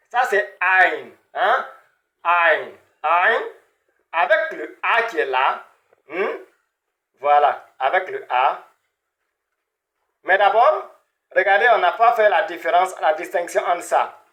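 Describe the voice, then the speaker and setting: A man with a high, somewhat bright voice teaches beginners Arabic pronunciation, repeating each sound again and again. He keeps checking in with "hein?" and "voilà" throughout the repetitive drills.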